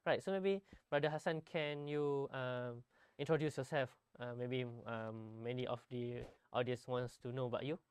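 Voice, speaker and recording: A man hosting a casual campus talk show, pausing often with ums and uhs. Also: medium pitch, steady tone, smooth, dry recording. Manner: hesitant, many ums and uhs. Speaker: host.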